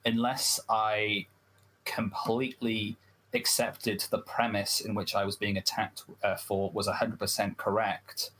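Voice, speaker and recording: Hesitant low-voiced man in a debate. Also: flat delivery, a bit bright, a little hiss or hum. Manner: hesitant, restarts phrases, measured. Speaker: debate guest. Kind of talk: casual debate on a livestream.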